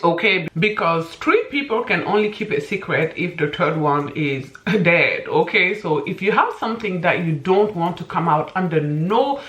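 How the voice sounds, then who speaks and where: A woman's voice: on the low side, expressive, normal speed, hardly any pauses, a bit bright. Echoey, emphatic woman chatting while doing makeup. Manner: emphatic, big-sisterly advice-giving with repeated "okay?"; talking while applying makeup. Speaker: vlogger giving life advice. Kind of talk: casual chatty get-ready-with-me monologue. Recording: roomy indoor echo.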